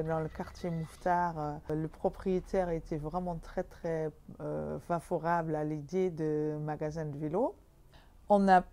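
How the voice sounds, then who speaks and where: A woman's voice: low voice, warm tone. A woman in her fifties from the Netherlands with a Dutch accent, answering interview questions about her bike shop with many fillers and restarts.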